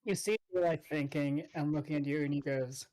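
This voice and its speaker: A woman improvising narration as game master of a tabletop game, animated and informal. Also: low-pitched, fairly quick, rough recording.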